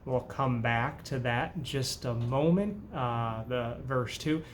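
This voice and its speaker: A man's voice: mid-range voice, takes it slowly. A man giving a casual guitar lesson, counting beats and chanting a word for each strum pattern. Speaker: guitar teacher. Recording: guitar playing underneath.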